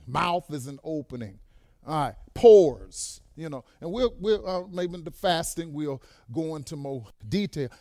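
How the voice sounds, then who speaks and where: A man preaching a sermon to a church congregation, swelling into loud exclamations and dropping quiet while telling stories, sprinkling in amens. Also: on the high side, no room sound, clean studio sound. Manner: punctuates lines with "amen" and "bless God". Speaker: pastor.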